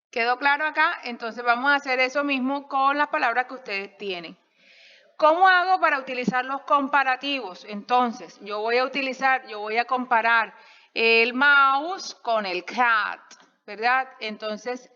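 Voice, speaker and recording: A woman's voice: a little high, sharp tone, big-room sound, lo-fi sound. A woman teaching an English grammar lesson in a slideshow recording, patient and explanatory, often checking understanding and correcting herself as she talks. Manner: self-correcting, stretches out example sentences.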